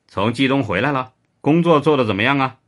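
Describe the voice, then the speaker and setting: A man voicing a stern, curt middle-aged spy chief in a low, gruff, clipped voice. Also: expressive, fairly quick, fairly bright tone, natural voice.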